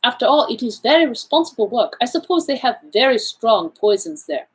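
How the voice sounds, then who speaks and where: A fussy, inquisitive old male detective from a storybook, as a woman reader puts him on. The voice sits well up in pitch and lilts through its questions. It has a husky, breathy edge. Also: big pitch swings, a little fast. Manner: raised, lilting, inquisitive delivery.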